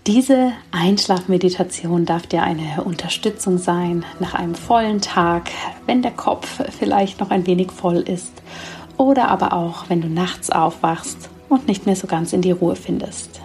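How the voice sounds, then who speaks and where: A woman guiding a sleep meditation like a bedtime sleep story narrator, speaking softly and soothingly with long, slow pauses. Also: fairly low pitch. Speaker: podcast host leading a guided sleep meditation.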